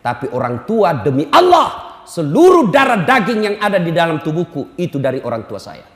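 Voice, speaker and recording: A man's voice: fairly high pitch, sing-song, normal speed. A middle-aged man preaching a humorous sermon, teasing and addressing his audience directly. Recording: echoey hall with long reverb.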